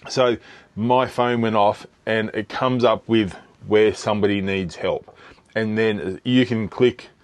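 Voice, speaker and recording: He speaks slowly in a fairly low, steady tone, with no echo on the recording. An Australian travel vlogger, he rambles chattily to camera with fillers and false starts, moving from outdoor tourist spots to an indoor setting.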